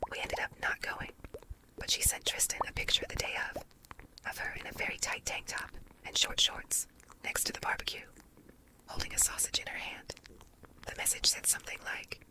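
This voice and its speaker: A woman's voice: normal speed, low-quality recording. Woman in a doubled, layered whisper. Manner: soft unvoiced whisper throughout. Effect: layered, doubled whisper track. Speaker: story narrator. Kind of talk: whispered ASMR story reading.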